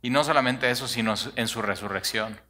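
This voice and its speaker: Pastor guy preaching, bright forceful voice, chatty and animated. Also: medium pitch, fairly quick. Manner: animated, conversational preaching with rhetorical questions. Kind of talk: sermon.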